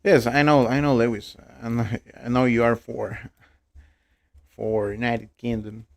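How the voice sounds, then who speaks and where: A young Costa Rican man who speaks Spanish natively, hosting a live trading stream in halting English, with many repeated words and restarts. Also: medium pitch, little pitch movement, gravelly. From Costa Rica. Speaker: livestream trading host. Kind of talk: casual live-stream chat.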